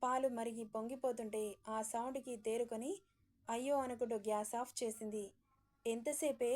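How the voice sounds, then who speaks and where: A woman storyteller giving steady narration of a serialized story. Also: a little high, a little fast.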